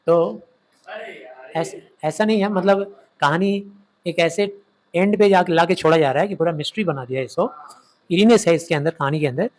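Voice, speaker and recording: A man explaining a story to his class in a fairly high voice. He retells the plot with quick acted-out quotes and answers his own questions as he goes. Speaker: English literature teacher.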